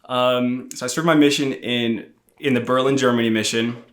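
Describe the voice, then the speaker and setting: A young man from Utah talks as a guest on a podcast, at an average pitch. He is friendly and easygoing and chuckles often. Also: fairly even intonation, normal speed. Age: young adult. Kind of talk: casual chat.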